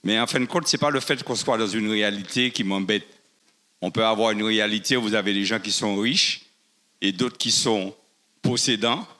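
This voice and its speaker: Bright-voiced reflective man. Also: lowish voice. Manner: measured, reflective. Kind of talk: public debate remarks.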